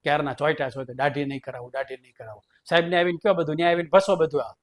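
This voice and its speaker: A man's voice: a little high, fast talker, natural voice. A man playing an exasperated male school principal caught between two sides. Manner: pleading, exasperated.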